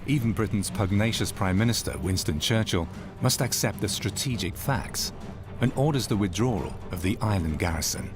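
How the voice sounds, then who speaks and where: Low-voiced guy narrating a history doc, measured and dramatic, clear music playing behind. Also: animated. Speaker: documentary narrator. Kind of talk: scripted narration.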